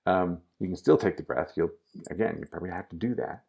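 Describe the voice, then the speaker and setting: A man's voice: deep voice, fast talker, gravelly, darkish tone, breathy edge. A man giving a casual acting lesson, coaching the listener directly through a scene. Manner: casual instructive, addresses the student directly. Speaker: acting teacher.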